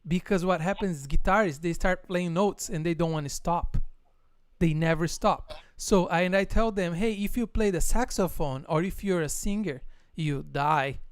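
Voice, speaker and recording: A native Portuguese speaker with a Brazilian accent, a guitar teacher, hosts a casual online interview in a relaxed way, full of fillers and frequent laughs. His voice is high-pitched and smooth at normal speed, with no echo.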